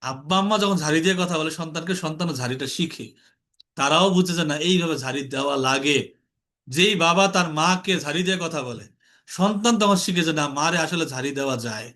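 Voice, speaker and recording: A man's voice: on the high side, brisk, pushed and bright. A young adult man, teaching an online class in an earnest, repetitive way and calling on students for answers. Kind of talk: informal teaching lecture. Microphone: online class call.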